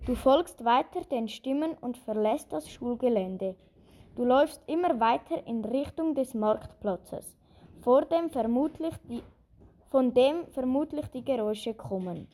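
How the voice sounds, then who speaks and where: A woman narrating a guided imagery journey in a calm, soothing, deliberate way. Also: high voice. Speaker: narrator and host.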